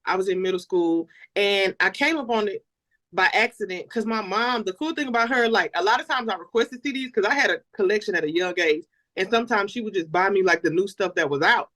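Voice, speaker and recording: An American woman speaks as a guest in a casual chat. Her pitch is middling, and her phrasing is informal and slangy, often circling back to the same tag phrases. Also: brisk, a bit bright. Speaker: talk show guest, media personality.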